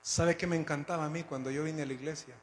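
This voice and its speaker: A male preacher tells stories dramatically from the pulpit, his voice a little higher than most men's. He swells and then drops back to build suspense. The sound rings with the long reverb of a large church hall. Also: fairly even intonation, fast talker. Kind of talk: storytelling sermon. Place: church sanctuary.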